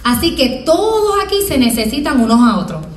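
Puerto rican prof lady, high voice, animated pep talk, echoey room from far off. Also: a little fast, slight background noise. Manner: lively, acts out scenes in small voices. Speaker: university professor. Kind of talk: motivational talk to students.

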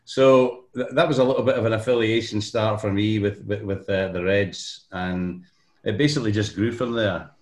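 A man's voice: on the low side, fairly even intonation, normal speed. An older man from Scotland with a Scottish accent, a podcast guest telling long anecdotes with many ums and restarts. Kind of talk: casual podcast chat. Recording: roomy echo.

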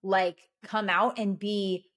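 A woman co-hosts a casual podcast, talking in long animated runs. She restarts her sentences often and leans on fillers, at an ordinary pitch. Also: slow. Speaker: podcast co-host. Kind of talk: casual chat.

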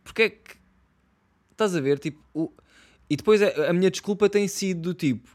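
A man's voice: high-pitched, brisk. A young man with a European Portuguese accent, ranting casually in slangy, swear-filled talk with lots of fillers. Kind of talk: casual rant.

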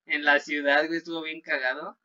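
A young man with a Mexican Spanish accent talks in a laid-back, slangy way, full of fillers. His voice is bright and sharp and sits a little high. The sound is dull and lo-fi. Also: little pitch movement, a little fast. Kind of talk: casual chat.

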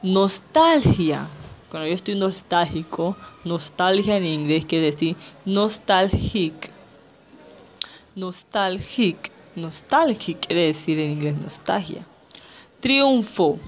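Slow, deliberate woman teacher. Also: lowish voice. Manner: slow, deliberate, has students repeat words. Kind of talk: language lesson drilling vocabulary.

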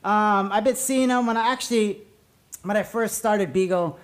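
A man's voice: high voice, moderate pace. A man hosts a podcast in a casual, rambling way. His talk is informal and slangy, aimed straight at his followers and guest. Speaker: podcast host. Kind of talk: casual, rambling host chat.

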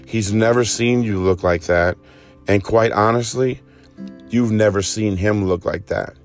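Man preacher, low voice, vivid storytelling, faint music underneath. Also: a little slow. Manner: vivid second-person storytelling, rising to urgent acted cries. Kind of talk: sermon storytelling.

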